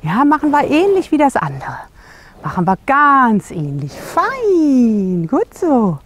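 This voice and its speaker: A woman horse trainer talks gently and slowly to a nervous horse, praising it over and over in a lively, rising sing-song. Her voice sits a little high and is picked up from a distance by the camera, with faint noise behind her. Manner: coaxing, soothing, frequent praise; talks gently to the horse, with short asides to the viewer. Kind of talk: coaching a horse during groundwork.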